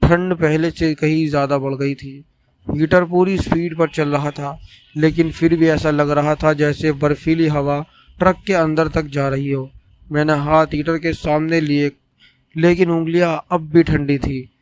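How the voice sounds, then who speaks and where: A man telling a scripted first-person horror story in a steady, suspenseful way. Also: fairly high pitch, unhurried, a little hiss or hum.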